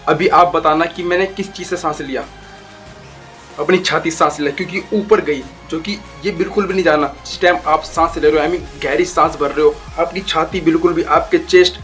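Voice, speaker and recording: A man's voice: on the high side, fairly even intonation, a little fast, a bit bright, faint music behind. A young man casually explaining voice training tips as a YouTube tutor, repeating points and mixing in English phrases. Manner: instructive, repetitive, mixes English phrases. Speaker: voice coach YouTuber.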